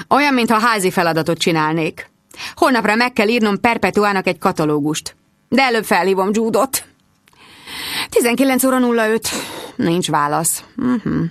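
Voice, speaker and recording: A woman reading a first-person story as an audiobook narrator, with expressive delivery. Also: mid-range voice, creaky, no echo, studio quality.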